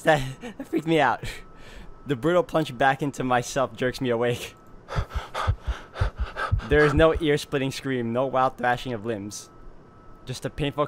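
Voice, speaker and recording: A medium-pitched man hosts a let's play over slight background noise, blending gaming commentary with dramatic readings of visual novel narration. He reads the narration with flair and reacts openly.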